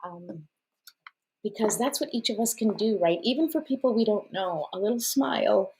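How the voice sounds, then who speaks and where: Her medium-pitched voice moves at a normal speed over very noisy audio. She's a live-stream host, originally a Portuguese speaker, who chats effusively while reading oracle cards, dropping plenty of fillers and small laughs.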